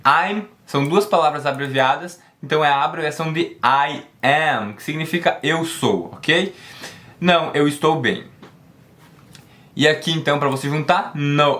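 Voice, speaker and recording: A man leads an online English lesson in a voice that sits a little high. He explains each point step by step and keeps checking that his listeners follow with a quick "ok?". For the English examples he slows down and stretches out each phrase. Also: a bit bright. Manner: switches to slow, drawn-out English for pronunciation demos. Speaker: English teacher.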